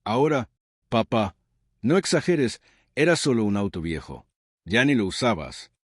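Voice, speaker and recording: Older man doing a guilty middle-aged son, Rioplatense accent, defensive, lowish voice, dry sound. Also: big pitch swings, measured pace, no room sound. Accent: Rioplatense Spanish. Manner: defensive and pleading.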